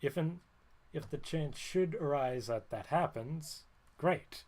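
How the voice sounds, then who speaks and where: A man's voice: fairly high pitch, slow, darkish tone. A man streaming, talking in a rambling, wry way and often stopping to correct himself mid-sentence. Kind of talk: casual livestream monologue.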